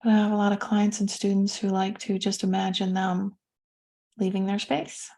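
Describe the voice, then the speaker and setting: A woman teacher leads a guided meditation, speaking gently and soothingly with pauses between phrases. Her mid-range voice is creaky and flat in delivery.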